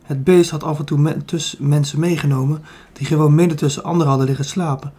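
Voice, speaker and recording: A man narrating a children's audiobook in a calm, even storytelling manner. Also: fairly high pitch, fast talker, breathy edge.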